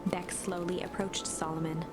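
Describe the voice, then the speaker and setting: A woman's voice: on the low side, flat delivery, normal speed. A woman reading scripted story narration as the narrator of a game. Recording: loud music under the voice. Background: loud music.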